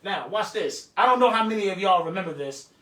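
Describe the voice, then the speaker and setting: A man's voice: high voice, expressive, brisk, a bit bright. A man leading a classroom Bible lesson, cutting in with jokes and telling the reader to go on. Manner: joking asides, directs the reader, repeats verses. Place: echoey classroom. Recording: echoey room, distant mic.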